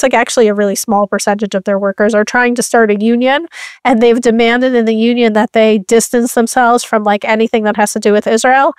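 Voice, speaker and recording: Woman cohost, chatty, says like a lot, smooth clear voice, dry close mic. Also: fairly high pitch, no echo. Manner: chatty, with frequent "like" and laughing asides. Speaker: podcast co-host and political correspondent. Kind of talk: casual podcast chat.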